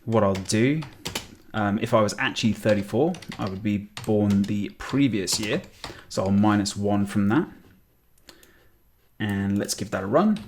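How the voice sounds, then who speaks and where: Man, 30s, programming tutorial, low voice, thinks aloud, self-correcting, typing in background. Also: unhurried, long pauses, darkish tone, a little hiss or hum. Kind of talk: screen-recorded coding tutorial.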